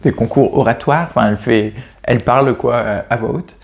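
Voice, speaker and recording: A man with a medium-pitched, creaky voice talks fairly quickly as he reviews novels. He's chatty and self-mocking, hesitant, and keeps restarting his sentences and correcting himself in this casual book chat.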